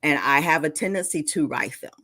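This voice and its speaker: A woman's voice: sits low, fairly quick, sharp tone, no echo. A woman author reading from her novel and talking about her writing in a casual interview. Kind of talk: podcast interview and book reading.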